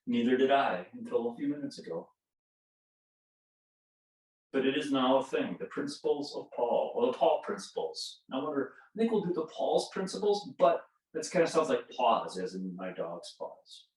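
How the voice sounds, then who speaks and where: A yoga instructor in his fifties, recorded from a distance with roomy echo, leads a guided class in an animated, slightly mellow mid-range voice at a moderate pace. He's self-deprecating, drawing out his cues and chuckling at his own jokes.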